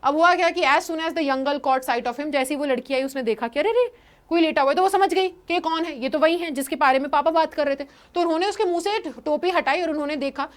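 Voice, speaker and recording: Young woman, English teacher, high pitch, animated storytelling lesson. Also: brisk. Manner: lively storyteller, switching into acted quotes.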